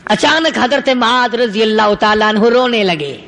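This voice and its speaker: A man's voice: extremely high pitch, pushed and bright, big-room sound, a little hiss or hum. A man preaching a sermon in an emphatic, rhythmic way, stacking repeated phrases. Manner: emphatic, rhythmic, repetitive lists.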